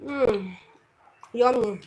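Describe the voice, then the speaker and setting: A woman's voice: fairly high pitch, extremely slow, darkish tone, a little hiss or hum, low-quality recording. A woman with a Nigerian Igbo accent hosting a casual cooking tutorial, chatty and repeating her points for emphasis. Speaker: cooking channel host.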